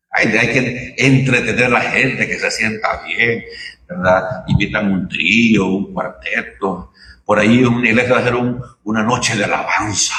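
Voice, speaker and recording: A man's voice: fairly low pitch, sharp tone, reverberant, recorded from a distance, slight background noise. A man preaching a sermon in a conversational way, often asking his listeners "right?" and "you understand?". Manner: conversational preaching, many rhetorical tag questions. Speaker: pastor.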